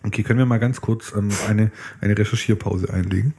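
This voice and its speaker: A man's voice: fairly low pitch, steady tone, fairly quick, dark tone, breathy edge. A man co-hosting a casual chat, reading a fairy tale aloud and breaking off with jokey asides. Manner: jokey, interrupts his own reading with asides.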